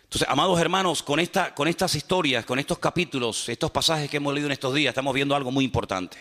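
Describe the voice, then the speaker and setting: A man preaching a lively sermon as pastor, animated and humorous, using repetition, rhetorical questions and acted-out dialogues. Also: fairly high pitch, quick pace.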